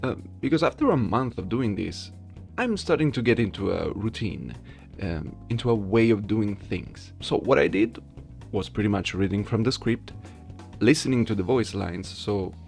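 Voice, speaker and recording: Over faint background music, a video creator and amateur voice actor comments casually to his viewers on a game voice-acting challenge. His lowish voice is gravelly and darkish, with lively intonation and a measured pace.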